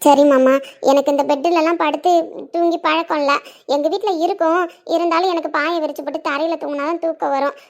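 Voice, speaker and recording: A woman's voice: high voice, steady tone. A woman voicing a young wife in a home-made audio drama, chatty and insistent. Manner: chatty, insistent, quick back-and-forth. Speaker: storyteller voicing a family drama.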